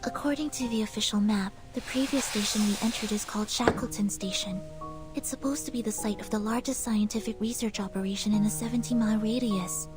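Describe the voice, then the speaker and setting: An actress voicing a calm, analytical young female companion in a game, speaking in a measured, logical way. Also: medium pitch, over loud music, close to an everyday voice. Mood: composed. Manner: measured, logical, matter-of-fact. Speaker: game character. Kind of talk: game voice acting.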